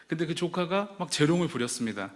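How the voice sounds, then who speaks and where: A man's voice: on the high side, very animated, quick pace. A man in his forties, a pastor, telling a personal family story in an earnest, storytelling way. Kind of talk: prayer then personal testimony talk.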